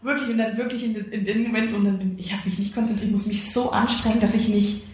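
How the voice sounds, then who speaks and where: A woman's voice: mid-range voice, fairly even intonation, fast talker, a little mellow. A woman co-host tells a story in an easy, chatty way. She acts out the quoted dialogue as she goes. The recording sits in a strongly echoing room. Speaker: podcast co-host. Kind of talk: casual storytelling chat. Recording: very echoey room.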